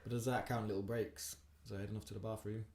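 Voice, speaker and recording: A man chats in a loose, rambling way and swears casually. His low voice has a gravelly fry. He is recorded in a roomy, echoey space. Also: flat delivery, fast, a little mellow. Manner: rambling, laid-back, swears. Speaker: podcast co-host. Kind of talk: casual chat. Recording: roomy echo.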